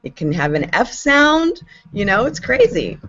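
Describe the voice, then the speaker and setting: A woman chatting casually on a homeschool panel, explaining things with animated, talkative energy. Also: a little high, a little slow. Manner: chatty, animated when explaining, spells out letters. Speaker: homeschooling parent, panel host. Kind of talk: casual online panel chat. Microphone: video call. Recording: dull lo-fi video call audio.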